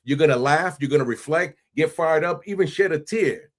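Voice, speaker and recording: A man hosting a podcast, energetic and hype, sprinkling in Spanish phrases and frequent "right?". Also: fairly high pitch, moderate pace. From New York City. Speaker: podcast host. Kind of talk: animated podcast intro and interview.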